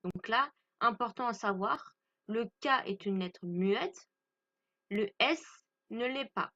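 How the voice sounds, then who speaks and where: A woman's voice: on the high side, lively intonation, slow, sharp tone, muffled recording. A woman from France teaching English grammar to French speakers, patiently stressing pronunciation and repeating each point.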